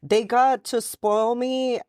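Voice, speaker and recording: A woman's voice: a little high, fairly even intonation, slow pace, a little mellow, smooth. A woman from Miami, a guest entrepreneur in a casual interview, laughing often and repeating words.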